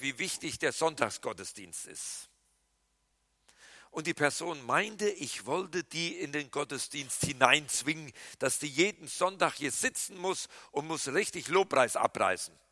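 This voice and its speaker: Bright, dry-sounding preaching pastor, a man. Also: on the high side, measured pace, no echo. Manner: animated preaching, swinging from loud emphatic lines to hushed quiet ones. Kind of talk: sermon.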